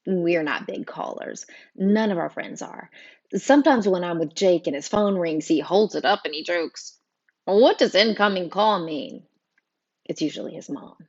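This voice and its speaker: Husky, lively woman narrating an audiobook. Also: lowish voice, highs cut off. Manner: expressive, emotional, voices every character. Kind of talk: first-person audiobook narration.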